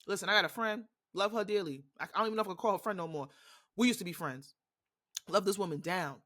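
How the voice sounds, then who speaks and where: A woman with a New York accent talks straight into her podcast mic with a blunt, profane edge. She rants with passion in a loose, casual monologue. Her voice sits at an ordinary middle pitch. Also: quick pace, a bit bright. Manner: blunt, profane, impassioned ranting. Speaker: podcast host.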